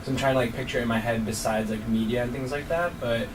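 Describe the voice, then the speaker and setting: A man's voice: medium pitch, fairly even intonation, fast talker. A young man, a student, asking a hesitant question full of "like" fillers. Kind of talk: classroom question. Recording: distant mic with noise.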